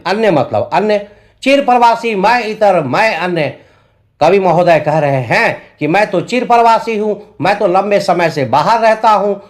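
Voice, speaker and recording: A male tutor explaining a poem line by line, repeating each verse and paraphrasing it in simple words. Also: sits high. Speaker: Hindi tutor.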